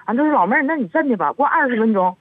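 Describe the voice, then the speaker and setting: A woman's voice: a little high, animated, rapid-fire, dry recording. A woman in her thirties with a Northeastern Mandarin accent, calling an advice show and telling her story in a heated rush, acting out both sides of each argument. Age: 30s. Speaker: caller. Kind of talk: phone-in advice call. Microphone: telephone. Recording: tinny dry phone line.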